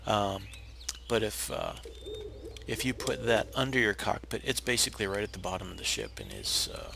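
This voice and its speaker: Sick and hoarse, a man with a low, raspy voice explains a game build step by step at a normal speed, keeping things easy and casual. Frequent "uh"s, restarts, and occasional self-corrections mark his relaxed tutorial narration. A constant hiss runs under the home recording, and faint birdsong can be heard.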